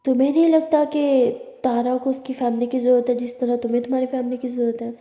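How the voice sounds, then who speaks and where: A woman voicing a stern middle-aged father who softens toward his daughter, in a Hindi storybook reading, recorded in a roomy space with a long reverb. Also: a little high, level tone, quick pace, lightly acted. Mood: earnest.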